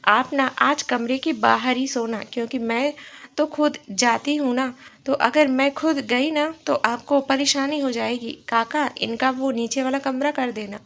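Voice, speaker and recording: A woman's voice: high voice, steady tone, a little slow, gravelly, a bit bright, heavily acted. A woman reading a sassy young wife who teases her husband in a mock-stern way.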